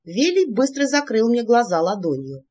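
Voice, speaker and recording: Audiobook narrator: woman, fairly high, husky, animated delivery. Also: normal speed. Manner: lively, expressive reading. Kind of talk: first-person story narration. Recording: dull lo-fi recording.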